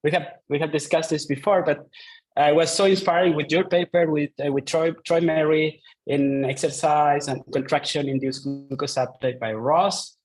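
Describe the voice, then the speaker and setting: A man with a Chilean accent and a fairly high voice, a native Spanish speaker. He tells his story in English with many pauses and fillers, polite and unhurried. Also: fairly even intonation, darkish tone, rough recording. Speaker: guest researcher. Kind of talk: casual interview chat.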